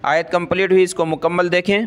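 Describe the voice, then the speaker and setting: A man with a Pakistani Urdu accent teaches Quran recitation in a high, even voice that keeps to a narrow band of pitch. His tone is smooth and clean throughout. He draws each verse out slowly in a melodic chant, then breaks into quick, plain explanations of pronunciation. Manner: slow drawn-out melodic recitation, then brisk spoken explanation. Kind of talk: tajweed lesson, slow chanted recitation alternating with quick explanation.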